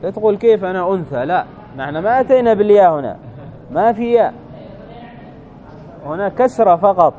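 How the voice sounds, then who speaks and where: High-voiced man teaching grammar. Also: expressive, fairly quick, long pauses, phone-quality sound. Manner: repeats key phrases and checks in with listeners. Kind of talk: classroom grammar lesson.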